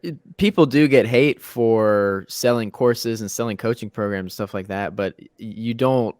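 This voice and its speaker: Low-voiced young host, dry and close. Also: male voice, moderate pace, darkish tone, no room sound. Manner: conversational, repeats words, says "you know" and "bro". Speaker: podcast host. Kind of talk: casual podcast interview.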